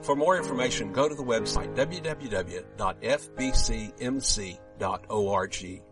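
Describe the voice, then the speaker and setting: A man introducing a church broadcast in a calm, measured way. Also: medium pitch. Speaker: program announcer. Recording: distant voice over loud guitar music.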